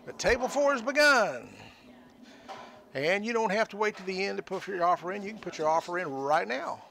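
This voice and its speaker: An older man runs an auction show in a small studio room with goods on display, delivering a casual on-air sales pitch with folksy jokes. He talks fairly quickly in a high, gravelly, bright voice, forceful in tone, with lively intonation.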